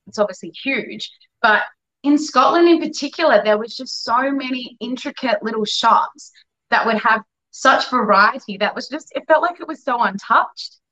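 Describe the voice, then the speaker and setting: A woman's voice: a little high, bright, forceful tone. Slightly muffled woman, chatting as guest. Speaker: interview guest, fashion stylist. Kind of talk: casual interview chat.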